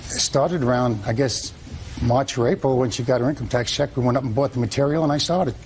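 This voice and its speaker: A man in his fifties with a gravelly voice, answering as a litigant in a TV court, plain-spoken, folksy and defensive. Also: medium pitch, quick pace, darkish tone, slight background noise, low-quality recording. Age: 50s.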